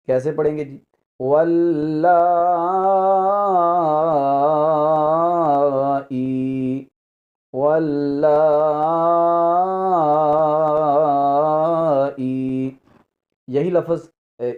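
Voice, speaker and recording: A man teaching a recitation lesson, spelling out sounds slowly and stretching vowels for learners. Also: mid-range voice, narrow, tinny audio.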